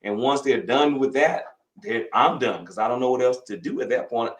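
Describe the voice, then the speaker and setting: A man's voice: mid-range voice, moderate pace, echoey room, low-quality recording. Folksy Louisiana man in his fifties. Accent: Southern US, Louisiana. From Louisiana, USA. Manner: folksy, rambling, with frequent repetitions. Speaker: guest, physician. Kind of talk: casual conversational interview.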